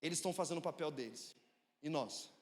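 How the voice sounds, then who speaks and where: A man preaching in a church with a notably high voice, telling stories in a loose, conversational way. He keeps checking that the congregation is following, and his words trail off in a long hall reverb. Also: quick pace, a little mellow. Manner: storytelling, conversational, asks the congregation. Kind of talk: sermon.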